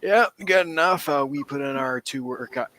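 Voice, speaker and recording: A man's voice: medium pitch, normal speed, sharp tone. A man playing in a tabletop game, chatting casually and tossing in wry, joking asides. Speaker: player.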